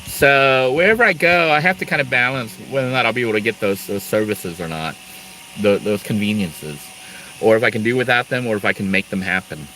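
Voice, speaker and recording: A middle-aged man from Thailand hosts a casual live stream with a bright, forceful voice. He rambles through asides and laughs between them. A faint hum sits behind him. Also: on the low side, brisk, poor audio. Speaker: live-stream host, Air Force veteran.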